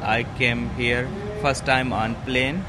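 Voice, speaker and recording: A man interpreting another person's words in the first person as a translation voice-over, halting and pausing mid-thought. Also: medium pitch, fairly even intonation, noisy background.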